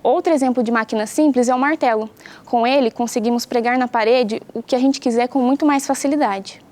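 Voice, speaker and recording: This young Brazilian woman speaks briskly in a fairly high, slightly mellow voice. Teaching science to pupils at home, she patiently makes things clear and quizzes them along the way.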